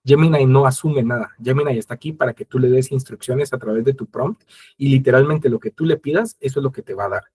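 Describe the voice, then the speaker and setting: A man leading an online training session, talking at a brisk clip. His voice has a husky, slightly rough edge. He explains each step directly to his viewers and slips into quoted dialogue to make his points. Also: medium pitch, warm tone. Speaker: webinar presenter. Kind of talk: instructional webinar talk.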